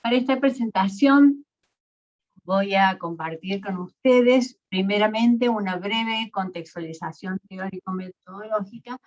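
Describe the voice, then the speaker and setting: Woman, academic lecturer, unhurried, dull video-call sound. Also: mid-range voice. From Argentina. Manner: measured, with fillers and self-corrections. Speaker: guest lecturer.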